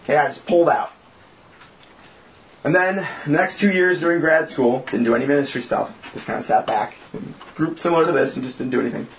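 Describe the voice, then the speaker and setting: A young man leads a small church group with a candid, self-mocking informal sermon, acting out the voices of the people he quotes. His voice is on the high side and fairly quick, and the echoey room gives dull, lo-fi sound with a little hiss or hum.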